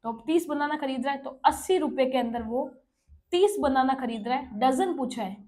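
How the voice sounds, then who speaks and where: A woman teaching an exam-prep maths lesson, working through problems step by step, often checking in with "okay" and reading English questions out slowly. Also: high-pitched, darkish tone. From India. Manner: explains step by step, checking with "ठीक है".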